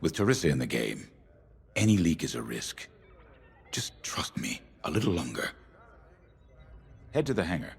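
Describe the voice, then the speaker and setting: Gruff game commander, super deep gravelly voice, guarded and in charge. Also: male voice, sing-song, normal speed, pauses often, heavily acted. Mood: guarded, commanding. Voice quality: gravelly, husky bass. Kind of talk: video game voice acting. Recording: video game dialogue.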